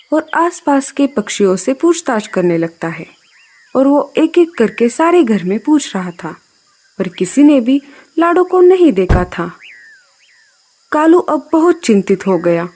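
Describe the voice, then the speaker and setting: Expressive woman storyteller, lively voice. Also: on the high side, measured pace. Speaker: narrator. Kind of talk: scripted storybook narration.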